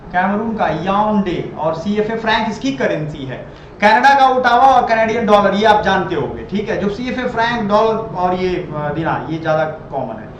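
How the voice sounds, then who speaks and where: A man's voice: high voice, slight background noise. A man teaching an exam-prep general knowledge lesson, who repeats each answer and quizzes the viewer. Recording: very echoey, dull lo-fi room audio.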